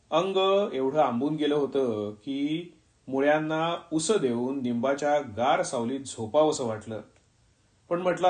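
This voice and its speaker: Man reading a story out loud, calm and measured, mid pitch. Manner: calm, measured first-person narration. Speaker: narrator.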